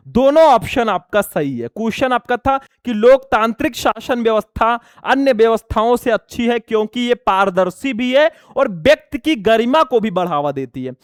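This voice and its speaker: A young man teaching an exam lesson loudly, almost shouting as he goes through multiple-choice questions and calls the students kids and brothers. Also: high-pitched, clean tone, no echo, clean studio sound. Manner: loud, near-shouting delivery; addresses students as bachelon and bhaiya.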